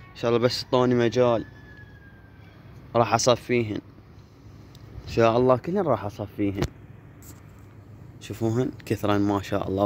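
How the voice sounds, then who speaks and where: A man's voice: mid-range voice, a little mellow. A man with an Iraqi Arabic accent chatting casually as he hosts a handheld vlog outdoors. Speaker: pigeon keeper and channel host. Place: open rooftop yard with low brick walls, outdoors. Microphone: phone held in hand, filming. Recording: outdoor phone audio with faint background noise.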